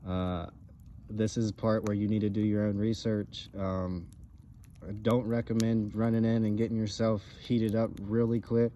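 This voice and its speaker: A man in a casual, halting conversational chat, speaking as a co-host. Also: fairly low pitch, level tone, mellow, muffled recording. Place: outdoors by a campfire. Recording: outdoor ambient background noise.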